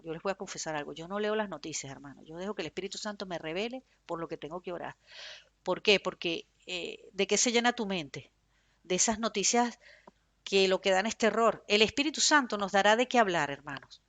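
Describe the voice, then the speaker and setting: A woman preaching a fervent, emphatic sermon in Spanish with a Venezuelan accent, speaking in a loud tone. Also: medium pitch, lively intonation, a little fast, no room sound.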